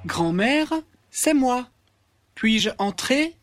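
Someone doing a curious little girl from a storybook, slow wondering questions. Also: mid-range voice, expressive, over music. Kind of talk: storybook reading.

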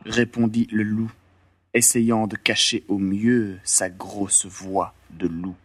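A man narrating a storybook in an expressive, dramatic way with a slightly husky voice. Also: fairly low pitch, slow pace, no echo. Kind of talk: storybook reading.

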